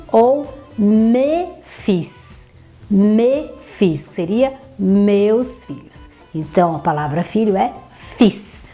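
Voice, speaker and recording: A woman teaching an online French lesson, upbeat, repeating each word slowly and clearly. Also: medium pitch, darkish tone.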